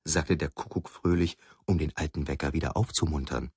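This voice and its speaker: A man narrating a children's story in an expressive storytelling manner. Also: rumbling low, fairly quick, breathy edge, no echo, clean studio sound.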